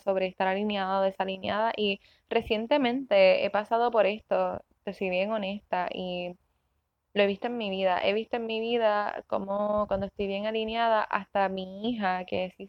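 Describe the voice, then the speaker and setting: A woman's voice: mid-range voice, no room sound. A woman in her thirties hosting a self-help podcast in a chatty, earnest way, often checking in with the listener and laughing. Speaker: podcast host. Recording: dull dry recording.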